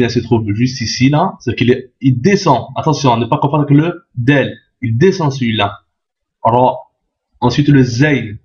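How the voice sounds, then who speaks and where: A man's voice: mid-range voice, darkish tone. Patient man teaching a lesson, lo-fi sound. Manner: patient, repeats each point, checks with "d'accord?". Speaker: Arabic teacher. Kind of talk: step-by-step language lesson. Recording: dull lo-fi sound.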